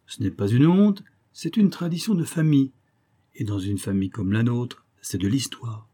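A man reading the lines of a proud, quick-tempered young aristocratic woman in an audiobook. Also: mid-range voice, expressive, mellow, husky. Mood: wistful. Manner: haughty, quick-tempered outbursts.

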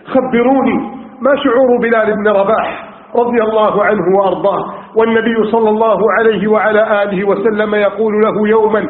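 A man's voice: high voice, steady tone, fairly quick. A man preaching a sermon, telling stories with passion and piling up rhetorical lists. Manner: impassioned storytelling with rhetorical lists. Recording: tinny, echoey hall recording.

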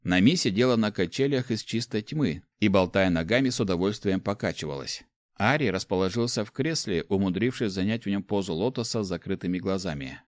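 A man narrating a fantasy story in a lively, expressive reading. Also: on the low side, brisk, no echo, clean studio sound. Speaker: audiobook narrator.

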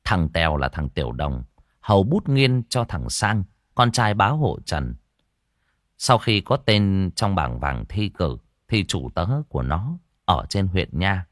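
A man's voice: low voice, big pitch swings, a little slow, no echo, studio quality. A man narrating a ghost story in a dramatic storytelling manner.

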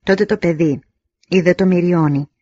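Husky man narrating a war novel. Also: sits high, fairly even intonation, a little mellow, dry recording. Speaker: audiobook narrator. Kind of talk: scripted first-person narration. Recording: dull lo-fi audio.

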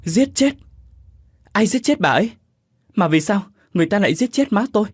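A man's voice: fairly high pitch, animated, fairly quick, no room sound, studio quality. A man playing a distraught young son, voice rising. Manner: pleading, agitated outbursts. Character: anxious young man, grieving and vengeful.

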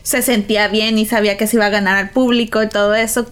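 A woman's voice: medium pitch, level tone, quick pace, clean tone. A woman with a Mexican accent chatting casually in an emphatic, slangy way. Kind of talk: casual chat.

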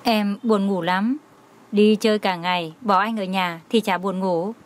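A woman voicing an affectionate young woman who talks softly and coaxingly, often slowly. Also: mid-range voice, fairly even intonation, a little hiss or hum, natural voice. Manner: soft, coaxing.

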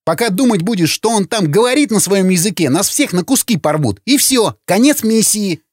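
A man's voice: sits high, expressive, fairly quick, no echo, voice pushed up. A man doing a furious hot-headed young soldier. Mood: angry, shouting. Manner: shouting, snarling, combative. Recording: dry studio with faint music.

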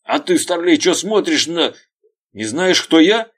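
A man voicing a burly, furious construction boss who shouts hoarsely and swears. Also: fairly high pitch, sing-song, a little slow, pitched above the performer's own voice. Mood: enraged.

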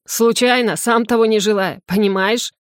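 A woman's voice: fairly high pitch, fairly even intonation, normal speed, no echo, clean studio sound, natural voice. A woman voicing an irritable, hungover male academy rector who scolds and lectures in an audiobook. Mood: stern. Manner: stern, scolding.

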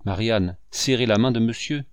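A man reading aloud, voicing an excitable, gullible middle-aged English mother who gushes breathlessly. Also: medium pitch, moderate pace, clear, resonant tone, no echo, studio quality, lightly acted. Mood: gushing.

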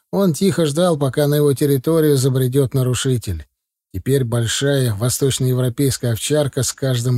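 A man reading a first-person audiobook in a steady, even manner. His voice sits at a medium pitch and is recorded close and dry, with no room sound. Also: dry recording. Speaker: audiobook narrator.

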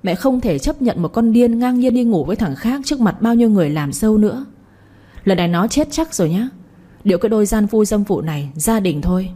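A bitter old mother-in-law from a storybook, voiced by a woman. She shrieks her accusations in a mellow, slightly breathy voice. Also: medium pitch, animated, fairly quick, natural voice. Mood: furious. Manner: shrieking, spiteful.

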